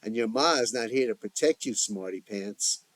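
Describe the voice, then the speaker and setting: A man voicing a gruff, quick-tempered father who argues with his family in an audio story. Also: lowish voice, no room sound, lightly acted. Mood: combative. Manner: blustering, combative.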